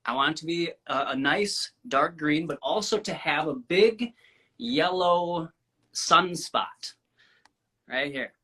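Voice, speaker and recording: An easygoing man with a bright, forceful voice. He explains things calmly and hesitantly, filling the pauses with small words. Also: a little high, breathy edge. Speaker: co-host. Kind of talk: casual chat.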